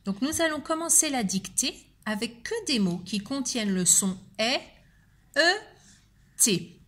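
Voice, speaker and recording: A woman teacher giving a spelling dictation, speaking slowly and deliberately and repeating each word with care. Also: high voice, lively intonation, a bit bright. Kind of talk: slow spelling dictation lesson.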